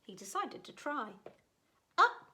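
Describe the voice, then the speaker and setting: A woman reading a children's picture book aloud with animated expression. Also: on the high side, a little slow. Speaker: storyteller.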